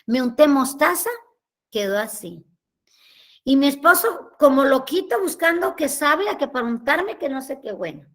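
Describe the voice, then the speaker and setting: Earnest middle-aged woman, high voice, heartfelt testimony, repeats herself. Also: sing-song, normal speed. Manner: earnest, repetitive, speaks to listeners as her children. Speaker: guest sharing a testimony.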